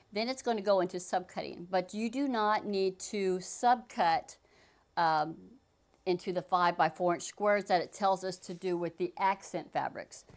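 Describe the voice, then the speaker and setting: A woman giving a casual sewing tutorial, chatting through each step as she works with fabric. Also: medium pitch. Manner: chatty, talks while working, frequent restarts. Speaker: sewing instructor. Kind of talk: casual how-to demonstration.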